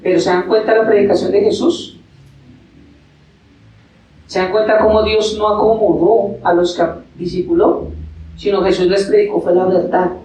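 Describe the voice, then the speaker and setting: Preacher in an echoey hall. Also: male voice, sits high, level tone, moderate pace, long pauses, warm tone, distant mic. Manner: preaching with rhetorical questions and acted quotes. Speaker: pastor. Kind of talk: sermon.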